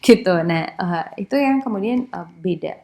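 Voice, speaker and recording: A woman's voice: mid-range voice, lively intonation, normal speed, vocal fry, mellow. A woman giving a casual online psychology lecture, dropping in English terms and many fillers, and acting out quoted speech in a raised voice.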